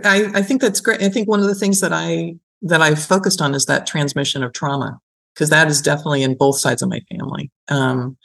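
A middle-aged woman with a low, creaky voice, a gerontology professor being interviewed, explains things reflectively. She tells personal stories in a conversational way, checking in with "right?" and "you know."

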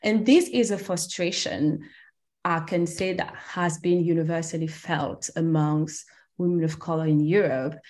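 Appearing as a guest in a casual interview, a skincare founder from Cameroon, in her thirties, reflects on her answers in a somewhat low voice. Her talk is sprinkled with frequent ums and little bursts of laughter.

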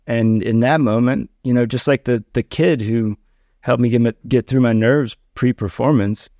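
Gravelly-voiced man telling a personal story. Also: medium pitch, steady tone, normal speed, darkish tone, no echo, clean studio sound. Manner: conversational, acts out quoted voices. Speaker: podcast guest. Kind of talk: casual storytelling.

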